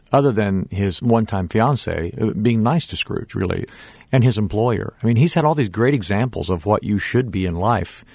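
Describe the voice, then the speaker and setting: A male stage actor chatting in a radio interview, thoughtful and animated, laughing now and then. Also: on the low side, creaky, dry recording. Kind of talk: casual interview chat.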